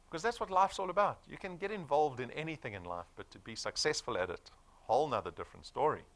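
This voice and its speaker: A forty-year-old man with a South African accent presents on sales, his voice a little high, animated, and fast. He motivates his audience emphatically and persuasively, using rhetorical questions.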